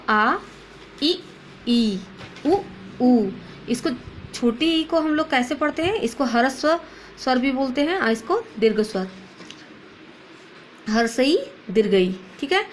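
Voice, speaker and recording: A woman's voice: sits high, animated, moderate pace, slight background noise. A woman teacher gives a recorded lesson to young pupils. She poses questions and answers them herself, and drops English words into her speech.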